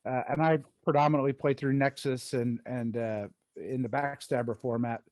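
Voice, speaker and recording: Male podcast host, mid pitch, halting and restarting questions; dry, close recording. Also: steady tone, a little mellow, no echo. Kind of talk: podcast interview.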